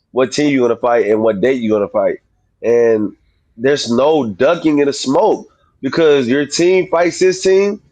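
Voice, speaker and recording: A man in his thirties chatting casually as an interview guest, using relaxed slang, with slurred, slushy s sounds. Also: medium pitch, dry recording. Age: 30s. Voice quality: slurred, slushy sibilants from a mouth grill. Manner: informal, slangy, frequently saying "man". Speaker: professional boxer, interview guest.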